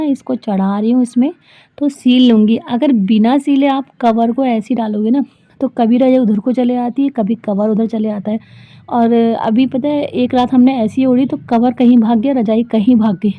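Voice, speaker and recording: A talkative woman in her thirties rambles through a casual vlog voice-over, full of fillers. Her voice sits fairly high. It comes across thin and tinny, like a phone line, with a dry, close sound. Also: no room sound. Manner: chatty, rambling, lots of fillers. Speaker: vlogger and homemaker.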